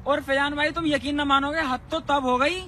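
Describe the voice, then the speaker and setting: A man's voice: very high voice, fairly even intonation, normal speed, bright, forceful tone. A man in a comic sketch, chatty and gossipy. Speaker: comedy sketch performer. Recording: noisy, distant mic.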